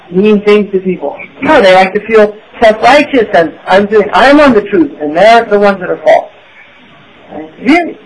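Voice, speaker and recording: Speaking in a high-pitched voice over slight background noise, this man from the United States delivers a religious lecture as an Islamic teacher. He asks his audience rhetorical questions and often adds "right?", and the recording is rough.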